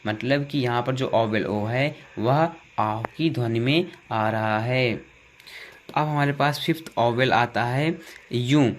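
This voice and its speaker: A man's voice: mid-range voice, slow pace, slight background noise. A young man with a Hindi accent, teaching English vowel sounds by asking questions and answering them himself, with lots of repetition. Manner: repetitive call-and-response drilling, asks and answers himself.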